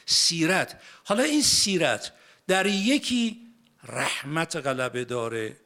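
A man giving a sermon, drawing out quoted verses slowly and then explaining them in everyday speech. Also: a little high, big pitch swings, sharp tone. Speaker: cleric giving a religious lesson. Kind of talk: Persian sermon with Arabic quotations.

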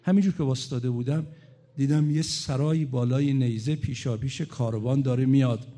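A man's voice: medium pitch, warm tone. A man preaching a religious sermon, telling a story dramatically, voicing the people in it and sliding into chanted lament.

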